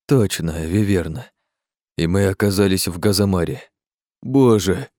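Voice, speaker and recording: A huge monster, once a man, rumbles low and shouts in distress, as a male audiobook reader voices him. The sound is close and dry. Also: a little slow, no room sound. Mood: dazed.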